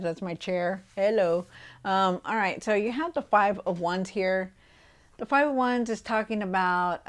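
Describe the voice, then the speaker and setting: A woman tarot reader talking casually to her viewers, with lots of fillers and asides. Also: on the low side. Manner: chatty, many fillers and asides.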